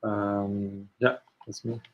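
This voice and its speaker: A man speaks in an even, level tone that barely rises or falls. He answers questions slowly and haltingly, restarting phrases as he searches for the right words. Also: lowish voice, muffled recording. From Mallorca, Spain. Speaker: film director. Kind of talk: panel answers.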